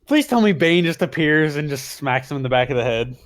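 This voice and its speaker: A man's voice: on the high side, expressive, brisk. A man chatting casually as a player in a tabletop role-playing game.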